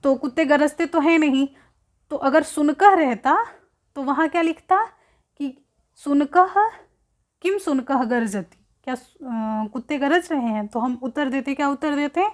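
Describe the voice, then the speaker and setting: A woman teaching a textbook lesson, explaining word by word, asking questions and then answering them herself. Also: high-pitched. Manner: slow, repeats words, asks and answers own questions. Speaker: Sanskrit teacher.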